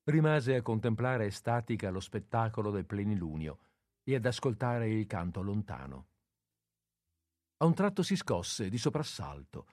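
A man narrating a literary audiobook in a measured, expressive way, with pauses between phrases. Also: lowish voice, no room sound, clean studio sound.

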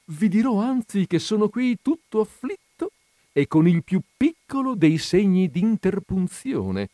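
A man reading aloud, voicing a cheerful gentleman who can't stop making puns. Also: high-pitched, big pitch swings, a little slow, dry recording, pitched above the performer's own voice. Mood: jovial. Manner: jovial, cheerfully pleased with own puns. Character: jovial punning male gentleman.

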